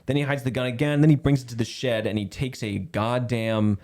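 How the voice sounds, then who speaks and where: A man's voice: mid-range voice, fairly even intonation, a little fast, darkish tone. A man co-hosting a podcast, recapping a sitcom episode in casual chat, rambling and hesitant with lots of fillers. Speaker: podcast co-host.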